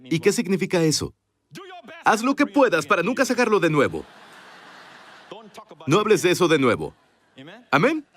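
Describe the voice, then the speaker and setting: A man's voice: high voice, wildly swooping pitch, moderate pace, pauses often, fairly bright tone. A man preaching a sermon earnestly, speaking directly to his congregation. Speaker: pastor.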